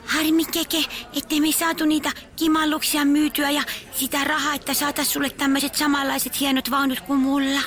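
A woman's voice: sits high, level tone, hardly any pauses, fairly bright tone. A woman playing a tiny, chatty baby girl. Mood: wistful. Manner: babyish, eager and chatty. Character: cheeky little baby girl. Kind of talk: children's story acting.

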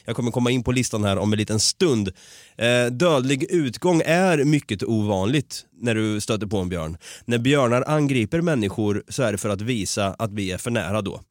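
A man's voice: mid-range voice, animated, no room sound, clean studio sound. A man hosting a casual podcast who talks animatedly, swears a lot and laughs often. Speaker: podcast host.

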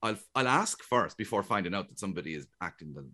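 A man's voice: low-pitched, fast talker. A middle-aged Irish man, a guest comedian, talking chattily and jokingly in a radio interview. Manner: chatty, animated, jokey storytelling.

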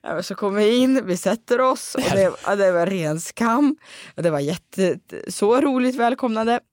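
A woman from Dalarna in Sweden, hosting a casual chat podcast and telling an animated story full of restarts and fillers. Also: mid-range voice, no room sound, studio quality. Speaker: podcast host.

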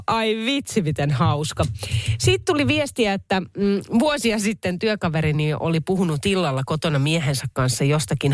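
A woman hosting a radio show, reading out listener messages in a lively chat style and laughing often. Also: fairly low pitch, no echo, studio quality. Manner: animated, laughs often, exclaims "oi oi". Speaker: radio host. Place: radio studio.

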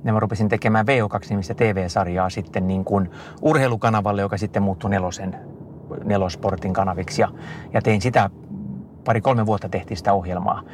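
A middle-aged man, an endurance skier appearing as an interview guest, speaks with a voice on the low side, with a little hiss or hum in the recording. His casual answers turn into long, rambling, lively tales crowded with fillers and restarts.

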